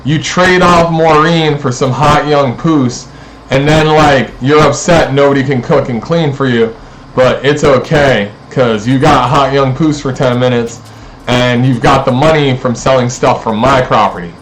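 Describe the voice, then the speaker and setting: A man's voice: medium pitch, a little slow, slight background noise, low-quality recording. A man in a rambling, profane, accusatory monologue aimed at his neighbors.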